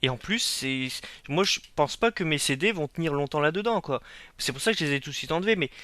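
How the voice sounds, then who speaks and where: A man's voice: a little high, animated, quick pace, sharp tone. A young man from France giving a frank, critical unboxing review, repeating himself with many fillers and hesitations. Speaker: collector reviewing a limited edition.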